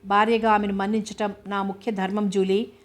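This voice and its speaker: A woman reading the lines of a calm, firm Indian husband in an audiobook novel, in her own voice. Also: medium pitch, brisk, natural voice. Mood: grave. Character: grave, steady Indian husband, a man.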